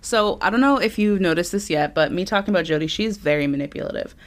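Young woman podcast co-host, lowish voice, chatty storyteller who laughs a lot. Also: quick pace. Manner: storytelling, laughs often, acts out quotes. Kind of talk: casual chat.

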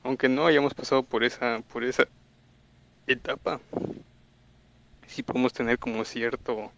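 A young Mexican man chats on a voice call in heavy slang. He tells a story and plays his own stunned reactions, in a mid-pitched voice through slightly muffled audio. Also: steady tone, a little slow, a bit bright, a little hiss or hum. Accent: Mexican Spanish. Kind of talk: casual chat.

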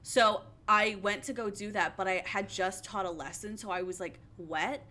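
Young woman, casual chatty storyteller, bright tone. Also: medium pitch, normal speed. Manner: animated storytelling, frequent "like". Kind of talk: casual chat.

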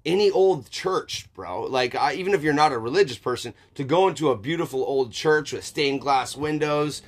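This man speaks at a moderate pace with a fairly high pitch, chatting casually and reflectively as a podcast host. The philosophical talk is informal and emphatic, with some swearing and frequent checks for agreement.

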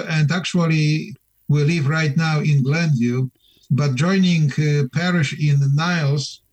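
A middle-aged man from Poland with a Polish accent, a new deacon calling in to a radio interview, speaking in an earnest, measured, plain-spoken way. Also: a little high, a little mellow, poor audio. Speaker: newly ordained deacon, guest.

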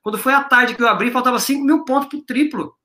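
A man, a business owner talking as a guest in a casual chat, telling stories in a slangy, excitable way and acting out the dialogue. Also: very high voice, fast talker, reverberant. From Brazil, São Paulo. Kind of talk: animated storytelling in casual chat.

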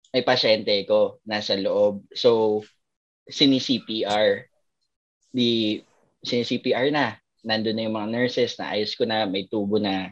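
A man's voice: fairly low pitch, lo-fi sound. A man who works as a doctor, telling funny hospital stories in a casual chat and acting out the voices of the people in them. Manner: animated, laughs a lot, acts out voices in anecdotes. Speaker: doctor and podcast host.

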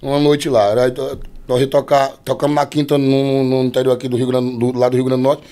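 Um cantor de forró nordestino, homem, contando histórias de bastidor de forma animada, imitando as vozes das pessoas. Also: male voice, medium pitch, fairly quick. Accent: Northeastern Brazilian. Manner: animated, acts out quoted voices. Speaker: forró singer, podcast guest. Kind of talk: casual storytelling.

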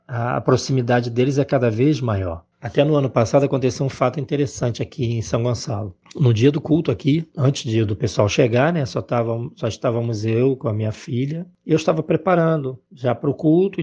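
A man from the Rio gives an informal spiritual class, his voice gravelly and mellow. He talks in a conversational way, leaning on tag questions and heartfelt personal stories. The recording sounds dull and lo-fi. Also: medium pitch. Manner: conversational, many tag questions, emotional storytelling. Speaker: reverend teaching a spiritual class. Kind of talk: informal spiritual teaching talk.

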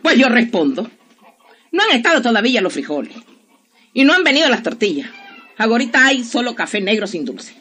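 A man's voice: very high-pitched, very animated, a little fast, long pauses, husky, faint music behind, exaggerated voice. A man voicing a bossy, nagging wife in a radio play. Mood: scolding. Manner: nagging, sharp-tongued. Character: scolding bossy wife, middle-aged woman.

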